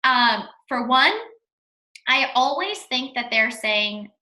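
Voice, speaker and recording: A woman with a bright, slightly high voice gives a casual coaching talk, blunt and emphatic, repeating words to drive a point home. She sounds like a fitness coach training her sales team. The room around her rings with echo. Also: expressive, slow. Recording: echoey room.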